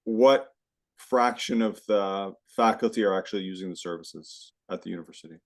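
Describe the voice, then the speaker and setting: A man's voice: sits low, moderate pace. A man moderating an online academic panel, casually putting questions to the speakers. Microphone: video call.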